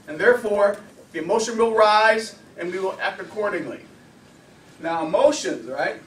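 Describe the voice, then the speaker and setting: A fairly high-voiced man gives an informal anger management class, lively and chatty, acting out the lines of the people he quotes. He is recorded from across an echoey room, and a faint hum of background ambience sits under his voice. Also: far from the mic. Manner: animated, conversational, acts out quotes.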